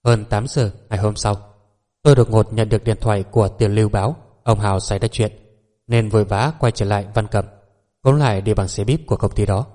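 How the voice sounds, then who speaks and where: Calm, polite salon owner, measured replies, read by a man with a dark, low voice. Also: close to an everyday voice. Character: calm composed businesswoman, beauty salon owner.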